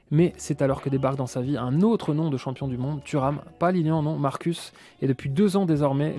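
A man's voice: fairly high pitch, warm tone. A man narrating a footballer's story and arguing his case as a pundit, punchy and story-driven. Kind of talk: scripted narration and argument.

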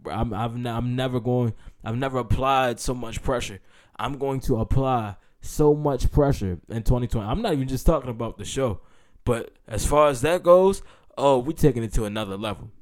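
Guy hosting a podcast, hype motivational style, slangy, repeats stuff for emphasis, mid pitch. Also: darkish tone. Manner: informal, slangy address. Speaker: podcast host. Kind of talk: motivational pep talk and sports commentary to listeners.

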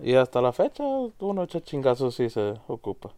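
A man's voice: medium pitch, sing-song, brisk, dark tone, dry recording. A man bantering casually on a podcast, joking and dropping English slang into his talk. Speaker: podcast co-host.

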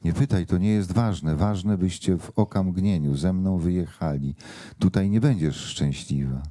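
A man's voice: deep voice, measured pace, dark tone. A man reading the lines of a young man pleading with the woman he loves, in a book reading.

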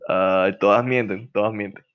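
A young man chatting casually with friends, rambling and slangy, telling stories. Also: on the low side. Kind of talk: casual chat among friends. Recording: slightly muffled lo-fi recording.

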